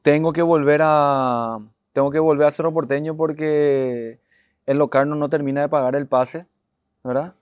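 A man, a former footballer telling his story as an interview guest; he talks earnestly, repeats his phrases and often drops to a soft low voice. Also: fairly even intonation, normal speed, dry recording. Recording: dull dry studio sound.

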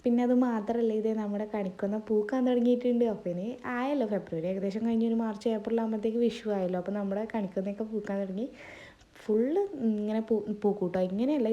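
A woman's voice: mid-range voice, steady tone, quick pace, warm tone, dull audio. A woman narrates a family vlog in a chatty, rambling way, her voice wavering from a sore throat. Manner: chatty, rambling, speaking to viewers. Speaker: family vlogger. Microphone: phone.

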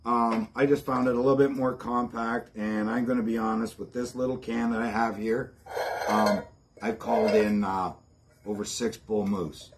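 A plainspoken man in his fifties with an Ontario accent, talking at an ordinary mid pitch. He explains things casually and in a folksy way, like a how-to host outdoors on his patio, a little back from the camera. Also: little pitch movement, moderate pace, slight background noise. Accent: Ontario Canadian. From Ontario, Canada. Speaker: host of outdoor preparedness channel. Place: covered backyard patio, outdoors.

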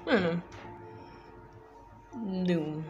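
A woman's voice: lowish voice, very slow, muffled recording. A woman with a Brazilian Portuguese accent hosting a casual, profane let's play of a horror game, laughing along. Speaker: gaming channel host. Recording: echoey room, game music behind.

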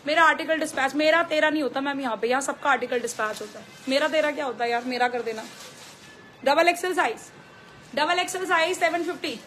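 A woman's voice: high-pitched, quick pace, a bit bright, a little hiss or hum. A woman who runs a clothing store, chatting through a live sales stream, repeating prices and making teasing asides in Hindi with a Delhi accent. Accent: Delhi Hindi with English mixed in.

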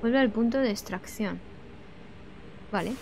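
A woman's voice: a little high, measured pace, creaky, a little mellow, soft background music. A young adult woman giving casual commentary as she plays a video game. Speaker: game streamer. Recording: noisy, game sound behind.

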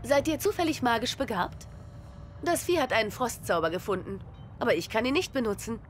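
A woman's voice: a little high, expressive, a little fast, soft background music, natural voice. A woman playing a young elf adventurer in a video game, poised, practical and matter-of-fact. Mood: practical, inquiring. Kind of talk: video game character acting.

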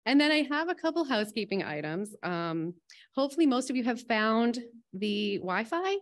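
A woman's voice: fairly high pitch, very animated, moderate pace. A woman from Massachusetts giving a conference welcome speech with announcements, chatty and joking, laughing between lines into a podium mic in a conference room.

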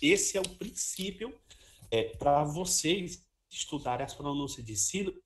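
Guy teaching trombone, sings little da da syllables, slightly high voice. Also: animated, a little slow. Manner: chatty, sings syllables, many "ó" and "né" tags. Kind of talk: informal music lesson.

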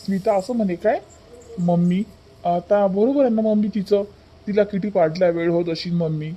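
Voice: mid-range voice, moderate pace, mellow, lightly acted. A performer voicing a meek, office-working son in a cartoon. He speaks with a Vidarbha Marathi accent and a plaintive, whining way of explaining himself. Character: mild office-working son, meek before his mother and wife.

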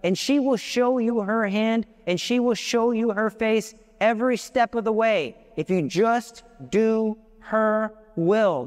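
A man giving a live devotional talk to an audience. He is passionate and emphatic, with big swings in his voice and joking asides. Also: high voice. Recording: long hall reverb.

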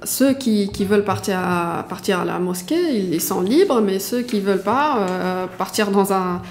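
A young woman with a Moroccan accent in French, giving halting, conversational interview answers with repeated words. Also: medium pitch, a little hiss or hum. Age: young adult. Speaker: interview guest, artist. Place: small radio-style studio. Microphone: desk microphone with pop filter.

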